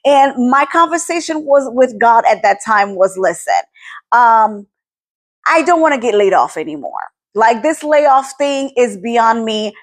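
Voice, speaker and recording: A woman's voice: on the high side, expressive, measured pace. A woman in her forties sharing a personal faith testimony, emotional and close to tears, repeating words for emphasis. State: teary, near crying. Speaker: podcast host. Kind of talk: personal testimony, casual talk.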